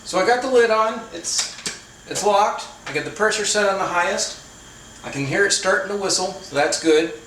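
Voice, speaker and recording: A man talking through a home cooking vlog, slightly high-pitched, with dry, self-mocking humor. He sounds a little away from the mic in a very echoey kitchen, with faint noise underneath. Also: moderate pace, fairly bright tone, distant mic. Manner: dry self-deprecating humor, chatty asides. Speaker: cooking channel host.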